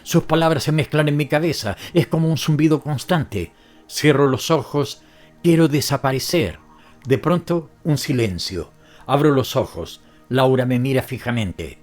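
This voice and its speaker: A man narrating a first-person audiobook story in a somber, measured way. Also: medium pitch, a little mellow, soft background music.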